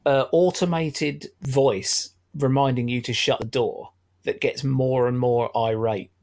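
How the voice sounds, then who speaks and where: A man's voice: medium pitch, steady tone, measured pace, a little mellow. A middle-aged man, chatting wryly about a film as a podcast co-host. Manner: chatty, wry, laughs often. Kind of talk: casual film discussion.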